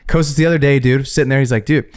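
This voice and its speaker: Male podcast host, quick delivery, emphatic, casual swearing, laid-back chat. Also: medium pitch, fairly even intonation.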